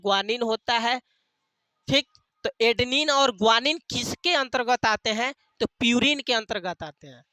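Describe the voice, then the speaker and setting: A man's voice: very high-pitched, bright, forceful tone, clear, resonant tone, dry recording. A male teacher giving a classroom lecture, asking questions and answering them himself, repeating key terms and using jokey memory tricks.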